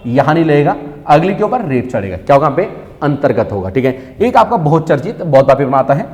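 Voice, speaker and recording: A male teacher with a fairly high, animated voice, steering his lesson by asking his listeners question after question and then answering. He stretches out the words he is explaining, and his voice carries a long reverb from the room. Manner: asks and answers his own questions, repeats key words slowly. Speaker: Hindi teacher. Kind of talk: classroom-style online lesson.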